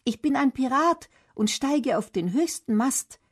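Storybook boy: woman voicing a young kid, high and excitable, a bit breathy. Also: unhurried, heavily acted. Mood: playful. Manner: high, excited, loud when afraid. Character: young schoolboy, adventurous then scared.

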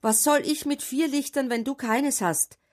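A woman voicing a kind, gentle young shepherd boy who speaks earnestly in a storybook reading. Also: high-pitched, normal speed, pitched above the performer's own voice, lightly acted.

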